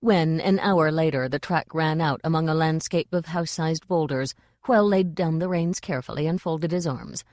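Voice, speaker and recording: A woman reading a novel aloud as narrator, in a steady, measured way. Her voice is low and the recording is close and dry. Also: no room sound. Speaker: audiobook narrator. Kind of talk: scripted narration.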